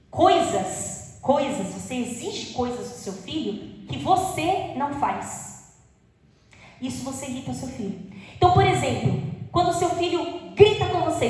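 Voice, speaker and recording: High-voiced woman teaching in an echoey church. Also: a little mellow. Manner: conversational, asks the listeners questions; acts out quoted parents and children. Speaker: Bible study teacher. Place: church hall. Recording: very echoey hall, speaker far from the mic.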